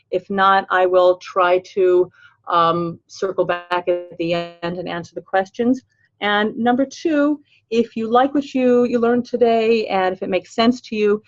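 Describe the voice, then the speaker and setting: Heard through lo-fi sound, a financial planner hosts a webinar in a medium-pitched voice. She's an older woman who grew up in Los Angeles, with an American accent and a chatty, upbeat delivery that leans on everyday fillers.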